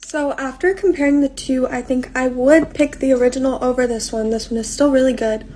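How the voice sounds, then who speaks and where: A woman's voice: sits high, fairly even intonation, fairly quick, warm tone. A young woman chatting casually through a product review vlog, bubbly and full of "like". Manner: bubbly, chatty, with many likes. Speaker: social media creator.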